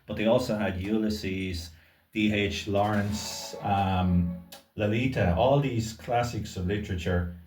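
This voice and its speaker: A man with an Irish accent, a bookseller co-hosting a casual book chat, talking thoughtfully with pauses and easy laughs. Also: fairly low pitch, fairly even intonation, a little mellow, soft background music. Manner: thoughtful, hesitant, laughs easily. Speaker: bookseller, co-host. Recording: roomy sound, distant mic.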